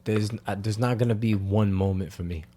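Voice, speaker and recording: A young man co-hosting a podcast, telling a story in a relaxed, casual way with fillers. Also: lowish voice, a little fast, a little hiss or hum. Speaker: podcast co-host. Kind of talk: casual chat.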